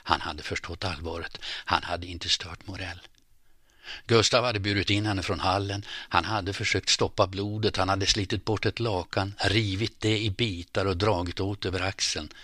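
Deep male narrator, husky, forceful, measured storytelling, hushed passages, dry close sound. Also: steady tone, dry recording. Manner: measured, sinking to hushed near-whispers in tense passages. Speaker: audiobook narrator. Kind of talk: scripted narration.

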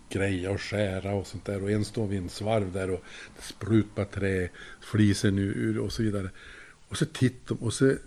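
Older guy with a lowish voice, telling a story, chuckles, does the other people's voices. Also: a little mellow. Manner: chuckling, acts out quoted voices. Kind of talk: casual anecdote.

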